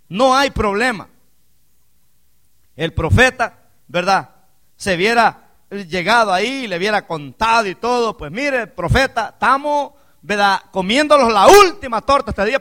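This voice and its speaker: A man delivering a sermon as pastor, his high, bright voice leaping around with lively pitch. He shifts from hushed storytelling into loud, emphatic swells, often calling his listeners brother. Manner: animated preaching with sudden loud emphatic swells; addresses listeners as "hermano".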